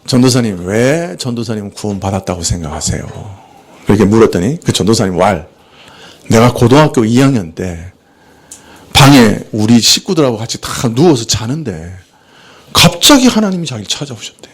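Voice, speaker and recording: A man's voice: medium pitch, very animated, moderate pace, slightly rough. A man preaching a sermon as pastor, asking rhetorical questions and answering them himself, acting out quoted speech. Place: church.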